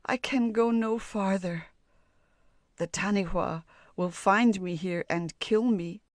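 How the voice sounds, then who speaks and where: A woman's voice: mid-range voice, slow, no echo, studio quality, natural voice. A woman reading the lines of a brave young princess in a fairy tale audiobook, earnest and a little lifted. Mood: despairing.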